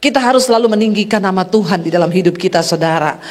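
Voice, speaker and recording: A woman's voice: mid-range voice, fast talker. A woman pastor giving a sermon, preaching emphatically, posing rhetorical questions to the congregation and calling out amen.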